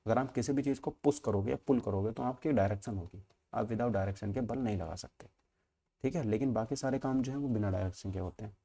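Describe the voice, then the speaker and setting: Speaking quickly with a fairly low, mellow voice touched by vocal fry, a man leads a relaxed exam-prep session. He works through multiple-choice questions one step at a time, with regular check-ins and repeated points.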